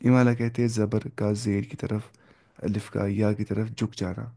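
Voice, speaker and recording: A man teaching the rules of Quran recitation in a conversational lesson. He mixes in English words, often checks that students follow with "okay?", and slows down to demonstrate each recited example. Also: on the low side, level tone, creaky, mellow.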